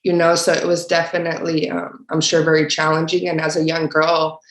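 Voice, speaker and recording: A woman's voice: deep voice, monotone, a little fast. A young woman from Mexico, a referee answering interview questions in an earnest, casual way with frequent fillers. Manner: earnest, many fillers, speaks up on key points. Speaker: guest, basketball referee. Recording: roomy echo.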